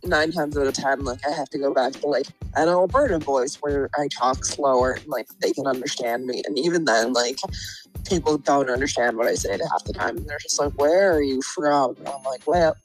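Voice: medium pitch, brisk, soft background music, poor audio. Young adult with a Nova Scotian accent. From Nova Scotia, Canada. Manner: heartfelt, filler-heavy. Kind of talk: casual chat.

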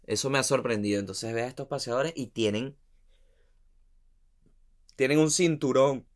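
A man from Venezuela with a Venezuelan accent, telling comic stories in an animated, slangy, profane way that trails off into muttered asides. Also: medium pitch, normal speed. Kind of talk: comic storytelling monologue.

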